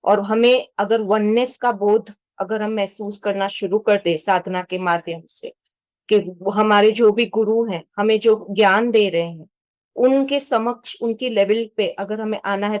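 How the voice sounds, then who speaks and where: A woman, interviewing a teacher and calmly summing up his points. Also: medium pitch, no room sound. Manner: measured, sums up the teacher's points. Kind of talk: summarizing questions in a conversation.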